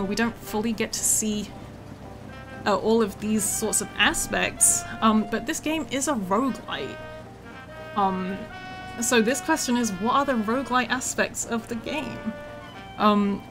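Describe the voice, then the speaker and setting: A game developer chats casually while streaming gameplay, laughing and saying "um" a lot. Her mid-range voice sounds slightly worn, as though she's losing it a bit, and the poor-quality audio has music playing behind her.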